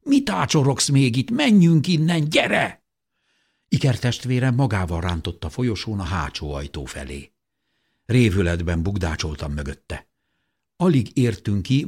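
Male audiobook narrator, low husky voice, lively intonation, dramatic read. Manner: dramatic, expressive reading. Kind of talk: scripted narration.

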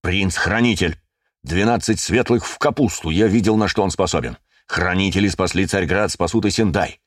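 A man's voice: deep voice, moderate pace, no room sound, studio quality. A man voicing a battle-hardened army captain who talks in a stern growl.

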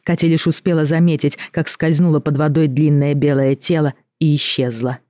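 A woman with a low, deep voice narrates a storybook in a measured, expressive way. The recording is dry and close, with no room sound. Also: no echo. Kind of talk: audiobook narration.

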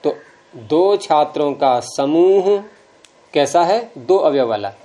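A man's voice: fairly high pitch, lively intonation, slow pace, warm tone. A man with a Hindi accent teaching Sanskrit grammar to a class, patiently explaining and repeating word forms aloud.

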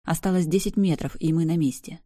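Female narrator, low dark voice, dry close sound, intense story reading. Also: fairly quick, dry recording. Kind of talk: first-person story reading.

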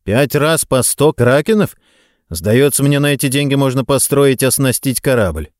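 A man reading an audiobook, voicing a calm, shrewd young male adventurer who asks questions coolly. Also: mid-range voice, moderate pace, no echo, clean studio sound, lightly acted.

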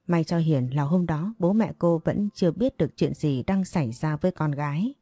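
A woman narrating a story in a steady, even read. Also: sits low, normal speed, breathy edge, no echo.

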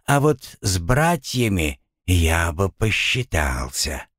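A man's voice: low voice, sing-song, takes it slowly, a bit bright, dry recording, studio quality, exaggerated voice. A man doing a grumbling drowned spirit. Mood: aggrieved. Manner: complaining, exasperated. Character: drowned man's spirit, grumbling, self-pitying, wry. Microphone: close studio mic.

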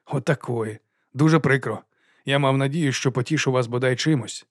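Quietly confident young monk, even and measured, in the male reader's own voice. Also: mid-range voice, dry recording, clean studio sound, close to an everyday voice. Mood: calm.

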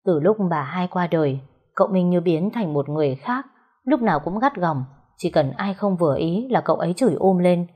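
A woman narrating an audio story in a steady storytelling voice. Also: fairly low pitch, breathy edge.

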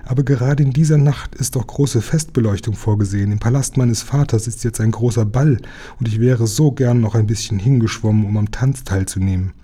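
A man's voice: medium pitch, a little fast, mellow, husky, natural voice. A man voicing an eager, lisping little sea princess in a read-aloud storybook. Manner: eager, pleading.

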